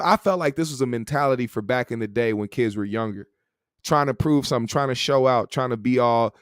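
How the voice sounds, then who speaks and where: A man's voice: medium pitch, no echo, studio quality. A man hosting a call-in show, talking casually in a slangy, profane, opinionated conversational way. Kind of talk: casual opinionated rant and chat.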